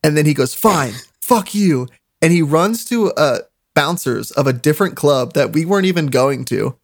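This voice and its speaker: A man's voice: fairly high pitch, expressive, a little fast, gravelly, no room sound, clean studio sound. A young man casually telling a story on a stream, laughing often, swearing, with lots of "like" fillers.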